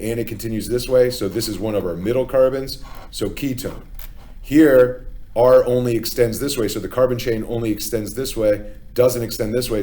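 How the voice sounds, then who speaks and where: In a warm, lowish voice, a Philadelphia-accented man teaches chemistry in a classroom lecture. He moves through the material one step at a time, frequently pausing to ask "okay?"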